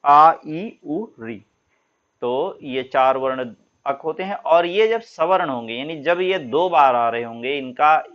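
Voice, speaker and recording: A man speaking at medium pitch and a measured pace teaches Sanskrit grammar in a classroom lesson, captured with lo-fi sound. Patiently, he explains points and extends example sounds for students.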